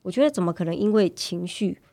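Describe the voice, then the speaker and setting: A woman's voice: lowish voice, lively intonation, quick pace, gravelly, dark tone. Taiwanese woman guest chatting casually. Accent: Taiwanese Mandarin. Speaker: podcast guest. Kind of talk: casual personal storytelling.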